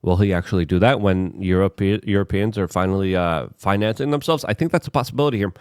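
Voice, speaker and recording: A man from Poland giving opinionated political commentary, hesitant and full of filler words, with sudden emphatic jumps in pitch. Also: quick pace, darkish tone, smooth, no echo, clean studio sound.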